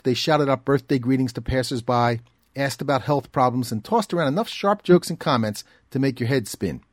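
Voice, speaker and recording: A man reading a scripted documentary narration in a measured, even way. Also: medium pitch, no room sound, studio quality. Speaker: narrator and reporter.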